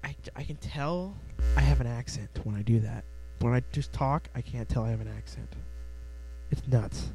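A young man with a Midwestern American accent hosts a casual solo podcast from a room at home, speaking into a close desk mic. His medium-pitched voice is creaky and mellow at a moderate pace, and he rambles, restarts, and pokes fun at himself. The audio is poor, with a slight hiss or hum.

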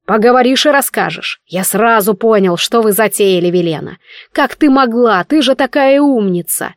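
A woman voicing a calm prince in a fantasy audiobook, gently consoling and reproachful. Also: on the high side, normal speed, dry recording, clean studio sound, close to an everyday voice.

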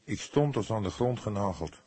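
With a low, mellow, expressive voice carrying a breathy edge, a man performs an anxious young male suspect in an audiobook. The recording has no echo, and the character sounds shaken and defensive, pleading sincerely in halting, emotional bursts.

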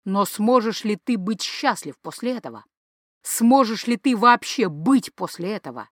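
A woman's voice: medium pitch, expressive, a little slow, dry recording. Woman narrating an audiobook, dry and close.

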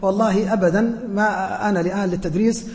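A man teaching as a sheikh, answering students' questions in an earnest, humble way with frequent hesitant pauses. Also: sits high, fairly even intonation, a little mellow, big-room sound. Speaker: sheikh teaching a religious lesson.

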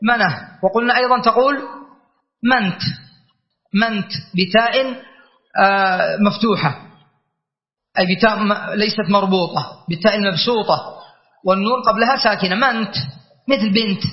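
A man teaching a classical grammar lesson, reciting verse lines slowly and then explaining them with frequent checking questions. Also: sits high. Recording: dull lo-fi recording.

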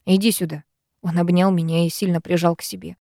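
A woman reading a first-person novel aloud, expressive and measured. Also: fairly low pitch, gravelly, no room sound, studio quality. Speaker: audiobook reader.

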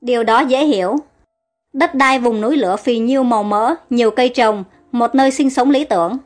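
A woman narrating an audiobook story in a steady, plain reading manner. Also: a little high, fairly quick, soft background music.

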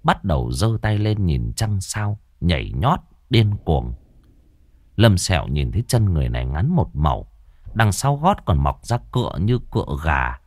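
A man narrates a horror tale with lively, swooping intonation. His voice sits somewhat low, and the recording is dry and close. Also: moderate pace, no echo. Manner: vivid, expressive storytelling. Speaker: storyteller. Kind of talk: dramatic horror story narration.

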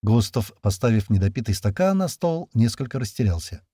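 Husky-voiced male audiobook narrator. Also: mid-range voice, sing-song, fairly quick, dark tone, dry recording, clean studio sound. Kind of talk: scripted narration.

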